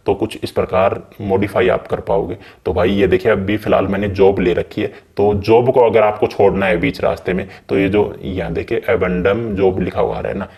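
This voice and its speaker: A man's voice: fairly low pitch, a little mellow. A man hosting a gaming channel, casually walking viewers through a game's settings in a chatty way and often calling them brother. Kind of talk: casual game settings walkthrough.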